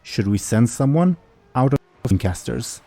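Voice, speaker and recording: A man voicing a male elf mage in a tabletop game, delivering a magical message in a brisk, businesslike way. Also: mid-range voice, expressive, mellow. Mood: brisk, formal.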